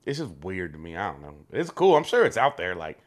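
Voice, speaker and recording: A man's voice: low voice, sing-song, fairly quick. A young man co-hosting a comedy podcast, telling crude stories in casual chat, full of profanity and acted-out quotes. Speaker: podcast co-host.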